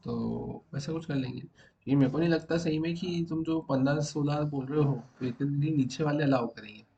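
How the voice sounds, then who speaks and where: A man teaches a classroom coding lecture to students in the room, explaining step by step and often asking whether everyone has understood. His voice is fairly high and warm at a moderate pace, and the lo-fi recording carries a little hiss or hum.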